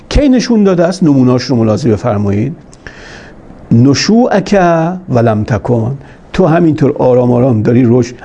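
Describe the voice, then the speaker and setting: A man giving a religious lecture, reciting quoted lines slowly and then explaining them with repeated questions to the listener. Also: medium pitch, warm tone, breathy edge. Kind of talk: sermon.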